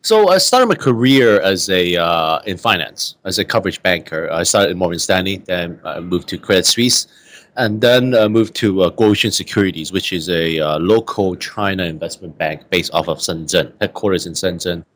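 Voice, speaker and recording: Low-voiced man, halting answers. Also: animated, a bit bright. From Hong Kong and the San Francisco Bay Area. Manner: halting, many uh fillers and repeats. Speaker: venture capital guest. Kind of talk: interview answers.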